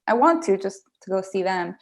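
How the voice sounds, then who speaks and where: A woman's voice: mid-range voice, normal speed. A woman from Venezuela as a guest in a casual chat, telling stories and acting out what people said. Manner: animated storyteller, acts out quotes.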